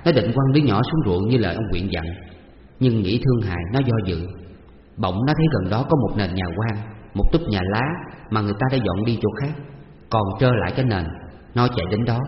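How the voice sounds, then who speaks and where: A man narrating a story in a steady, brisk manner. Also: on the low side. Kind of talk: storytelling reading. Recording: dull echoey recording with long reverb and faint hiss.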